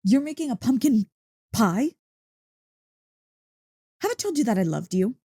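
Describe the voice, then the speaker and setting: A woman plays an excitable, affectionate dog-girl in an ASMR roleplay, an intimate one-sided dialogue spoken close into a dry mic as if to her partner. Her soft, mellow, breathy voice swings widely in pitch as she teases with mock indignation and gets flustered, a little slow and unhurried, playful, delighted, and heavily acted.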